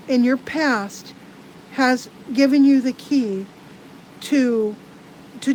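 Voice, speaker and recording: A woman giving live tarot card readings to viewers. She talks in a halting, earnest way with many restarts. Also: high-pitched, a little hiss or hum, low-quality recording.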